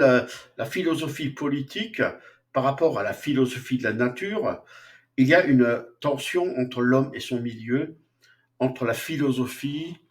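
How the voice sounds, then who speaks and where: A man gives an unscripted philosophy lecture at a slow, deliberate pace, his voice at an ordinary middle pitch. He hesitates a lot, filling gaps with fillers and starting sentences over.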